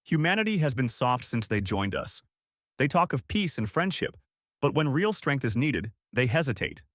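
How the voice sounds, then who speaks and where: A man voicing a proud, harsh male alien general in a sci-fi audiobook, delivering loud, barking, scornful lines. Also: medium pitch, big pitch swings, moderate pace, no room sound, clean studio sound, pitched above the performer's own voice.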